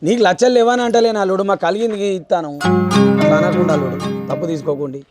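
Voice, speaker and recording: Rapid high-pitched Telangana village man. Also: fairly even intonation, over loud music. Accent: Telangana Telugu. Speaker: father-in-law in a village comedy. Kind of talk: village comedy acting.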